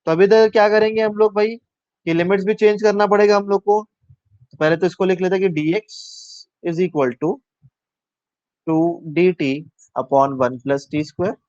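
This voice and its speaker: A man's voice: high voice, steady tone, normal speed, pauses often, darkish tone, no room sound. A man teaching a live online maths class, talking through each step aloud, mixing English maths terms into Hindi and asking his students questions. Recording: dull, dry lo-fi sound.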